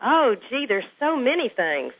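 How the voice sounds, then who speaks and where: Woman guest, chatty with frequent laughs, fairly high voice, tinny phone line. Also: big pitch swings, unhurried, breathy edge. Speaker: home stager, guest. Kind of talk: casual interview on a phone line.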